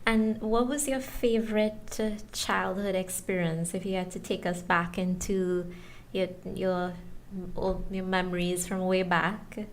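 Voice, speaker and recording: A woman's voice: mid-range voice, level tone, a little slow, rough recording. A woman working as an interviewer, putting open questions to a guest. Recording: faint background ambient noise.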